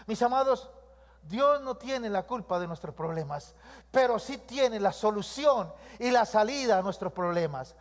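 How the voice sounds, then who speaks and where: A man's voice: high voice, animated, unhurried. A man preaching a sermon as pastor, leading the congregation in call-and-response and stacking repeated lists. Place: church hall. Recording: long reverb of a church hall.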